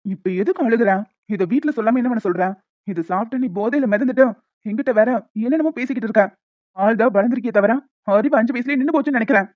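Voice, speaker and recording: In this cartoon, a stern but caring young man, voiced by a woman lectures in a firm, rapid tone. The voice sits at a middle pitch. The recording is dry and dull, with a lo-fi sound. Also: no room sound, natural voice. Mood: scolding. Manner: firm, lecturing, quick-talking. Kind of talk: animated story dialogue.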